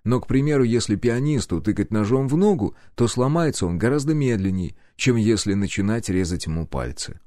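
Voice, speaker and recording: A man narrating a first-person audiobook in a grim, deliberate, menacing way. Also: fairly low pitch, expressive, mellow, no room sound, clean studio sound.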